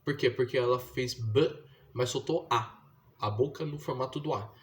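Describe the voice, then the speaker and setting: A man's voice: mid-range voice, normal speed. A young man from Brazil, talking casually and explaining step by step, with slangy fillers. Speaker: vlogger teaching his younger sister to read. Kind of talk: casual slangy monologue to camera.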